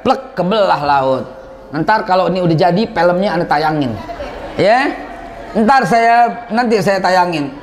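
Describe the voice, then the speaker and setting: A man preaching a lively sermon, animated and acting out quoted voices in local slang. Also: high voice, big-room sound.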